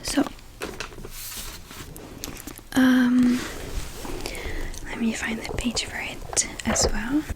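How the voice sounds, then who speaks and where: Slow whispered role-play by a woman librarian. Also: on the high side, little pitch movement, low-quality recording. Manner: soft whispering, hesitant, gently attentive to an imagined visitor.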